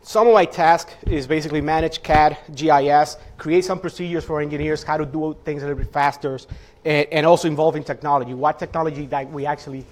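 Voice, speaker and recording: A man's voice: on the high side, fairly even intonation, fast talker. A man with a Dominican-New York accent giving an earnest, rambling guest talk to a class about his job as a CAD and GIS manager. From Dominican Republic, raised in New York. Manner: earnest, rambling with many restarts.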